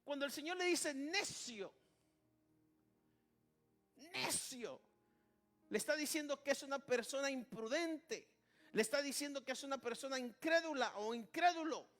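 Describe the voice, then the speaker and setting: This Spanish sermon comes from a man whose very high, slightly bright voice moves at a moderate pace with lively intonation. He repeatedly calls out "hermano" to the congregation and says "alabado sea el nombre de Jesús," restarting many times.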